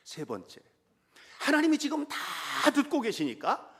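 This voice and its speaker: A male preacher voicing a patient king who calms his angry nephew and holds back his own anger, sometimes dropping to a hush. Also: extremely high pitch, normal speed, slightly rough, voice pushed up, heavily acted. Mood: restraining. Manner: restrained, pleading, at times hushed.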